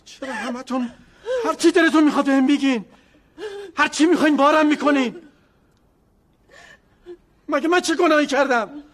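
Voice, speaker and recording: A man's voice: very high-pitched, long pauses, a bit bright. An actor playing a father who pleads that he had nothing to do with his missing daughter, defensive and hurt in a television drama. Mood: pleading.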